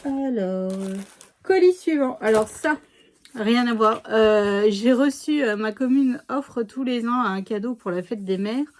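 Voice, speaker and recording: A woman's voice: a little high, unhurried. A middle-aged woman chatting casually as she unboxes a scrapbooking haul, rambling with many fillers and restarts. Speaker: scrapbooking vlogger.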